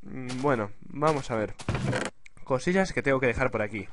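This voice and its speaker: A man giving casual Let's Play commentary, chatty and quick to exclaim, repeating words when things get tense. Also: mid-range voice, lively intonation. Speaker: gaming YouTuber. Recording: clear background noise with clicks.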